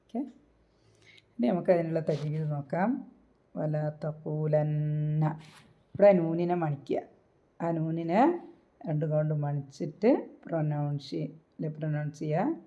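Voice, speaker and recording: A woman gives a Malayalam recitation lesson, patiently and slowly repeating syllables to demonstrate the sounds. Her voice is low-pitched, and the recording's highs are cut off.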